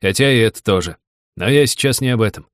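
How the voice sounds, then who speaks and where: A man's voice: lowish voice, animated, fast, dry recording, clean studio sound, close to an everyday voice. A man voicing a talkative, hungover male gamer buddy who gripes about money, in an audiobook. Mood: storytelling.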